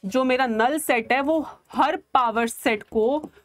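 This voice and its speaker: A woman teaches a math lesson, her voice sitting somewhat high. She keeps posing questions and answering them herself, and slips English terms into her Hindi. The sound is dry and close, with no room around it. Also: slow pace, no room sound. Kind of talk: classroom lecture.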